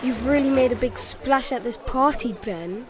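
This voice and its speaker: A woman voicing a scheming villain doctor in a cartoon toy play, with slow, theatrical menace. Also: fairly high pitch, heavy background noise, close to an everyday voice. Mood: gloating menace.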